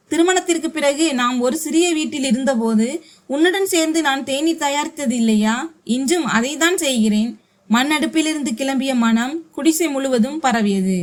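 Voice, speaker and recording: A woman reading a scripted story aloud as narrator, giving the characters' quotes in her own voice. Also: high voice.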